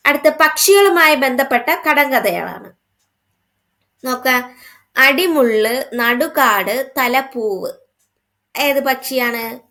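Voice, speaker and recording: A woman's voice: on the high side, creaky, fairly bright tone. A woman teacher, patiently explaining a first-grade workbook lesson. She asks questions and then answers them herself.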